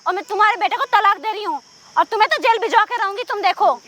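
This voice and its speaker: A woman's voice: very high-pitched, sharp tone. A woman playing a stubborn young daughter-in-law who talks back indignantly in a staged outdoor confrontation. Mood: defiant. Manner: defiant, indignant, talking back fast.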